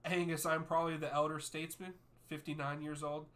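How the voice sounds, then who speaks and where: A man's voice: fairly high pitch, level tone, fairly quick, fairly bright tone. A man in his thirties hosting a live soccer watchalong stream, reading viewer names and answering their questions in an easygoing way. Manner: easygoing, reads out chat names and answers at length.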